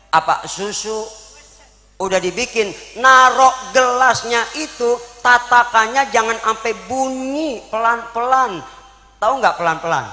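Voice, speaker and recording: Male preacher, high sharp voice, jokey and lively with the crowd, echoey mosque hall. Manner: joking, animated, asks the audience questions. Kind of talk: humorous sermon. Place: mosque gathering.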